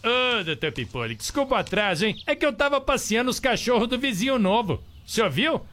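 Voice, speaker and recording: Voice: mid-range voice, big pitch swings, a little fast, fairly bright tone. A performer voicing a male dog walker in a comedy radio sketch, apologizing and gushing. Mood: apologetic.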